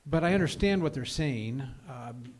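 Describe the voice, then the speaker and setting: A man teaching a congregation's Bible study, reasoning aloud with frequent pauses and reading scripture with rising emphasis. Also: mid-range voice, lively intonation. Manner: thoughtful, reasons aloud with many "uh"s. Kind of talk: group Bible study discussion.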